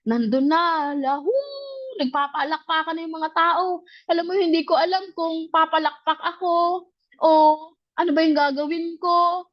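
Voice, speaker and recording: A woman with a very high voice shares a personal testimony in a casual way, speaking at normal speed. She grew up in the provinces and animatedly acts out the dialogue she remembers; the recording has no echo but its highs are cut off.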